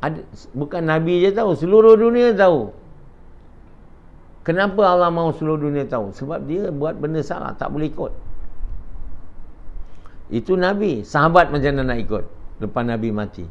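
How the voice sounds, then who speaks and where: A man's voice: fairly high pitch, a little fast. An older man from Malaysia, giving a conversational after-dawn religious lecture full of rhetorical questions and quoted dialogue. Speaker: preacher. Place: home prayer gathering. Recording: dull lo-fi recording, faint noise.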